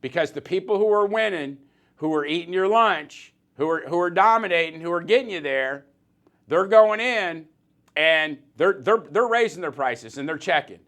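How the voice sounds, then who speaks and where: A man with a fairly high voice, delivering a motivational business talk. He talks emphatically, restarting sentences and hammering points home by repetition. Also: animated, moderate pace, fairly bright tone. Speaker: business coach.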